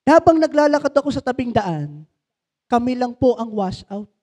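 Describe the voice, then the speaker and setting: A man's voice: sing-song, moderate pace, a little mellow. A man in his thirties with a Filipino accent, preaching a sermon and telling a personal story with strong swings of feeling. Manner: emotional storytelling, pitch swings, mixing English into Tagalog. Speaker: pastor.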